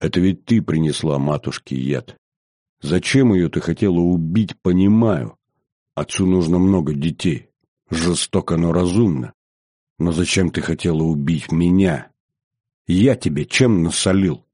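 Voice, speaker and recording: A man's voice: sits low, unhurried, mellow, dry recording, clean studio sound. A man voicing a young prince who coldly and mockingly accuses his grandmother. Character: young prince, cold, scornful and hateful. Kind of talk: audiobook character voice.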